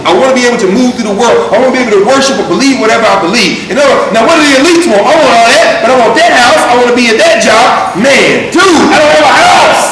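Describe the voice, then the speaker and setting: High-voiced lecturer in an echoey classroom. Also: male voice, recorded from a distance. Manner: animated, shifts between reading aloud and emphatic asides. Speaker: university lecturer. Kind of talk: classroom lecture reading and commenting on a text. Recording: echoey lecture room recorded from afar.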